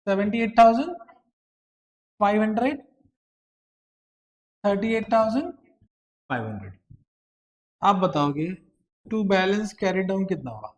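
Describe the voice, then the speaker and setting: A man from India teaching an accounts lecture, coaxing students with constant questions and mixing terms into his talk. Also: high voice. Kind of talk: classroom lecture.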